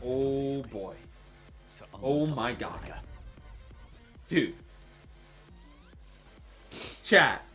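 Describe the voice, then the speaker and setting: A man giving live color commentary on a fighting game match, energetic and stammering when excited. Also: medium pitch, drawn-out words, faint music behind. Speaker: esports co-commentator.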